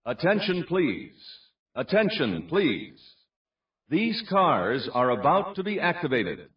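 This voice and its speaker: A man's voice booms over a PA system, drawn out and deliberate as he gives safety instructions. His pitch rises and falls a lot, and the sound is echoey, muffled and far off, as if from a loudspeaker across the station. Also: wildly swooping pitch. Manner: slow, deliberate safety announcement. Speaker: ride announcer.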